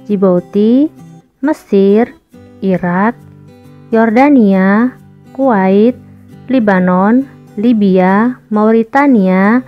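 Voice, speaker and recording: A woman vlogger talking casually to her viewers, explaining points one by one in a chatty way. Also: medium pitch. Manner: chatty, addresses viewers as guys, lists points. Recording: muffled audio with faint background music.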